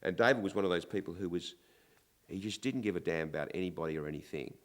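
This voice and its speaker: A man's voice: low-pitched, fast talker. An older man, reminiscing casually and candidly in an interview with a wry manner.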